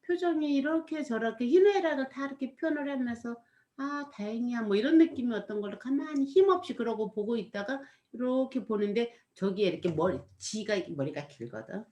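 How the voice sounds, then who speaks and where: A woman with a fairly high, darkish voice chats casually, rambling as she recounts a performance she saw. Her tone is reflective, and she keeps filling gaps with "이렇게" and other filler words.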